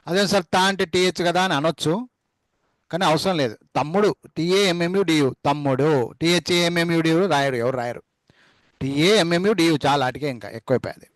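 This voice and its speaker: This high-voiced man leads a spelling dictation for a class, repeating every word more than once before breaking it down letter by letter. There's no echo on the audio.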